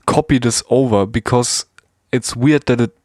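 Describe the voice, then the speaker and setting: Guy rambling thru a home music tutorial, keeps correcting himself, dry close sound, pitch right in the middle. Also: normal speed, no echo. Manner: rambling, self-correcting, chuckling asides. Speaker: hobby music producer. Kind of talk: casual screen-recorded tutorial vlog.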